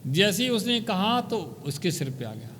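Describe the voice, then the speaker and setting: A monk giving a sermon, telling a parable and asking the listeners questions along the way. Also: male voice, sits high, very animated, moderate pace, fairly bright tone, big-room sound, slight background noise. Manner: storytelling, asks the audience questions.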